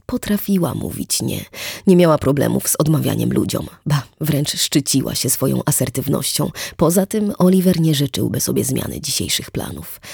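Audiobook narrator, expressive reading, gravelly and husky, dry close sound. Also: dry recording. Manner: expressive reading with lively shifts of pitch. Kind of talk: scripted narration.

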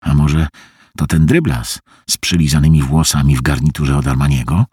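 A man narrating a suspense story in a very low, husky voice, swooping dramatically up and down as he plays out the scenes. The sound is close and dry, with no room around it. He reads with tense, theatrical energy. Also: normal speed, a little mellow, dry recording. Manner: acts out tense dialogue with shifting pitch. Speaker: audiobook narrator. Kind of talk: dramatic audiobook reading.

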